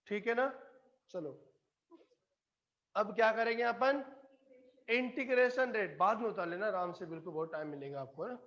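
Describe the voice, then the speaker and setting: A man's voice: high voice, normal speed, pauses often, fairly bright tone, muffled recording. A man teaching chemistry to a live classroom, coaxing and often checking whether the students follow. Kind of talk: classroom lecture.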